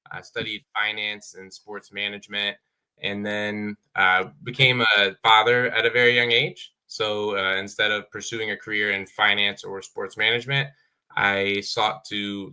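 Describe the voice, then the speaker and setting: A man in his thirties from Dayton, Ohio, who owns an apparel business, joins a casual panel chat over a video call and tells his story earnestly with lots of "uh" fillers. His voice is lowish yet bright, forceful, clear and resonant. The recording is rough.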